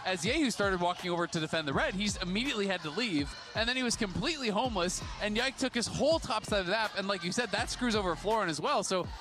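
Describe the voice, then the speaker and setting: A man breaking down a match as an esports analyst, detailed and animated. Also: high voice, fast, few pauses.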